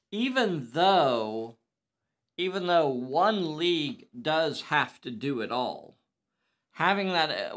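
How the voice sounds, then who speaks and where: Male stream host, bright tone, slow and jokey, casual. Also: mid-range voice. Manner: jokey, does quick silly impressions. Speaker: game designer hosting a live stream. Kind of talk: casual live-stream chat.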